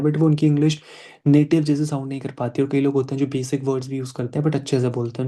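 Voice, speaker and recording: A young man teaching English pronunciation in a live online class, patiently repeating words slowly to demonstrate the sounds. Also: medium pitch, dark tone.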